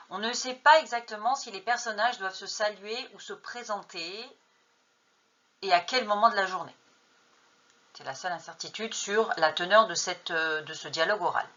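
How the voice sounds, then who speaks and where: A woman's voice: medium pitch, sharp tone, highs cut off. A woman teacher trainer narrating a lesson, posing true-or-false questions and then answering them. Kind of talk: narrated lesson on an English textbook.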